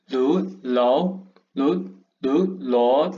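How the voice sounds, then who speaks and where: A man from Taiwan with a Taiwanese accent reads pronunciation drills aloud as a language student, in halting, broken learner's speech, word by word. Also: medium pitch, warm tone. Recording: dull lo-fi home recording with clicks.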